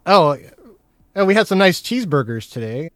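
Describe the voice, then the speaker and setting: A man's voice: on the high side, sing-song, moderate pace, a bit bright, dry recording. A man hosting a casual film chat podcast, talking in a jokey way with touches of mock-formal showman patter. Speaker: podcast host.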